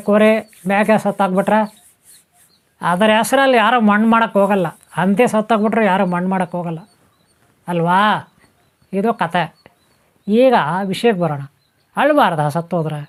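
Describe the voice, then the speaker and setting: High-voiced man giving a spiritual talk. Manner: repetitive, rhetorical questions, lists. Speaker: spiritual teacher. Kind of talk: spoken talk on spiritual topics.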